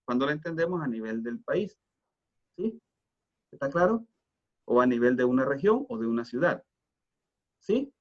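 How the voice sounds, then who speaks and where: A middle-aged man giving an online lecture, explaining step by step and often pausing to ask whether students follow. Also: a little high. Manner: explanatory, often checks understanding with tag questions. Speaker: teacher. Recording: dull lo-fi online class audio.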